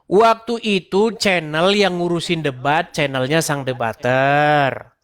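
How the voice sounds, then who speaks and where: A man's voice: fairly high pitch, slow pace, a bit bright, clear, resonant tone. A man hosting a heated online debate, insistently repeating pointed questions. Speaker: host of the debate room.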